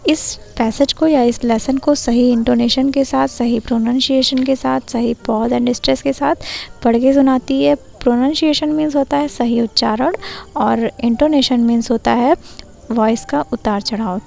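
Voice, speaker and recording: High, gravelly-voiced woman explaining a lesson plan. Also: darkish tone. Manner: repeats "look here", switches between Hindi and English; reads quoted English lines slowly and deliberately. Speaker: teacher-training tutor.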